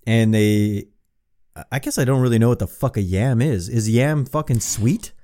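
A man's voice: mid-range voice, normal speed, dark tone. A man co-hosting a casual podcast, blunt and teasing, swearing constantly. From lives in Hawaii. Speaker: podcast co-host. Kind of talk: casual chat.

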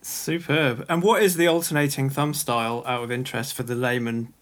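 A male podcast host leads a casual interview. He asks his questions with friendly enthusiasm and a chatty manner, in a voice of ordinary pitch. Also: steady tone, brisk.

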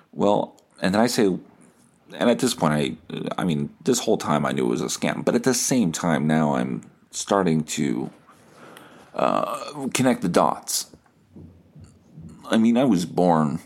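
Low-pitched, creaky, and a little mellow, this male podcast host spins a comedic story in a relaxed way. He swears freely, pokes fun at himself, and performs text conversations as spoken dialogue.

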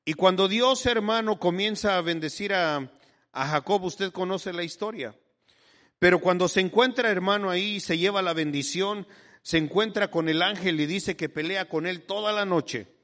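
A man's voice: high voice, normal speed, fairly bright tone, in a large hall. A man preaching a fervent sermon as pastor, calling out to his listeners as brother again and again.

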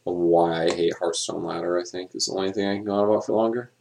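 Deep gravelly monotone podcast man. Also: fast. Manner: filler-heavy, rambling. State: coughing. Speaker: podcast co-host. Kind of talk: casual podcast chat.

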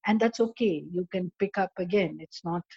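A woman guest reflecting in conversation, haltingly explaining her ideas through examples. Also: on the low side, a little mellow, husky, dry recording, lo-fi sound. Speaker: discussion guest.

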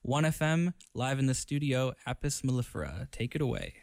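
A man hosting a casual radio interview in a studio, chatty and relaxed, full of fillers and easy laughs. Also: mid-range voice, normal speed, no room sound. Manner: laid-back, chatty, filler-heavy, laughs easily. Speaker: radio DJ and host. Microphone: studio microphone.

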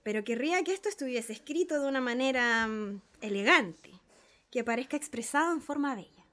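Woman playing a gushing naive middle-aged man, high voice, swooping delivery, dramatic reading. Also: expressive, fairly quick, fairly bright tone. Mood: insistent. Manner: gushing, repeats sounds with wonder. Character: naive middle-aged male social climber, eager. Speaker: reader playing a pupil.

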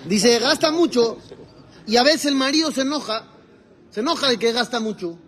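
High-voiced rabbi teaching a class. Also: male voice, animated, normal speed, fairly bright tone. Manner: asks the class questions and answers them himself; quotes Hebrew texts and explains them. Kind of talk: religious lesson to a live group.

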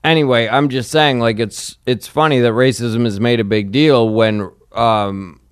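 A podcast co-host talks casually in a mid-pitched male voice, circling back and restarting his thoughts. The recording is dry and close to the mic. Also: fairly even intonation, a little slow, clean tone, no echo. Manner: rambling, hesitant, many restarts.

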